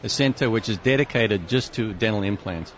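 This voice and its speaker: A prosthodontist with a South African accent explains things carefully and precisely as a guest in a radio interview at an outdoor expo booth. His voice is fairly low and brisk, and the dull lo-fi recording carries faint street noise.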